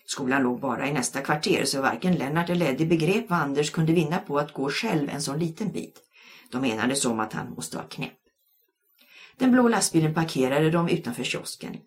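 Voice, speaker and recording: A woman reading a children's novel aloud with expressive storytelling. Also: deep voice. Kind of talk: audiobook narration.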